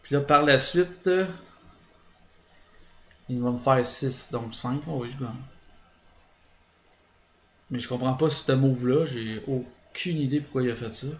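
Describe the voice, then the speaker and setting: A man's voice: medium pitch, a little slow, long pauses, a bit bright, echoey room, a little hiss or hum. A man with a Quebec French accent doing let's play commentary, thinking aloud with hesitations and explaining his strategy to viewers. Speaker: gaming channel host.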